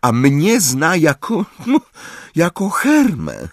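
A man's voice: fairly high pitch, huge pitch swings, slow, no room sound, studio quality, voice pushed up, full character voice. A man reading an audiobook and voicing a teenage schoolgirl who is earnest and fretful. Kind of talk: audiobook character voice.

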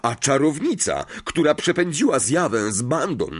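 Male narrator putting on a vain, evasive wizard teacher: raised, slow, stammering, animated delivery. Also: fairly high pitch, slightly rough, voice pushed up. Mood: self-satisfied. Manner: hesitant, stammering with drawn-out fillers. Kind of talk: audiobook character voice.

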